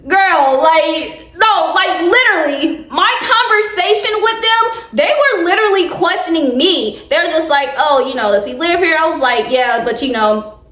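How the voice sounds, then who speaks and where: A woman's voice: very high-pitched, lively intonation, normal speed, a bit bright. A young woman in her twenties telling an emotional storytime to viewers, rambling with nervous laughs and calling them y'all. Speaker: vlogger. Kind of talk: casual storytime. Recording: roomy echo.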